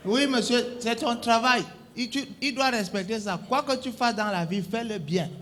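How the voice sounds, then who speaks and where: A young man with a strikingly high voice performs a comic sketch as a bossy phone operator. He scolds and soothes imaginary callers by turns, in a mock-official tone. His tone is bright and cutting. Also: normal speed, a little hiss or hum. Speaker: comedian. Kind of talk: comic one-sided phone-call sketch.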